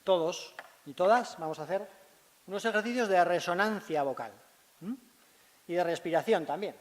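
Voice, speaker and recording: A man's voice: high-pitched, moderate pace. A man, a speech therapist giving a conference talk in a large hall. He teaches step by step and keeps checking in with short tag questions. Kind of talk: conference presentation. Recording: long reverb of a large hall.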